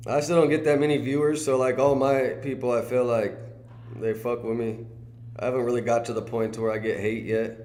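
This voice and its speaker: A man with a Californian accent, appearing as a guest in a casual conversation, tells stories in a relaxed, rambling way. His voice is medium-pitched and his pace fairly quick.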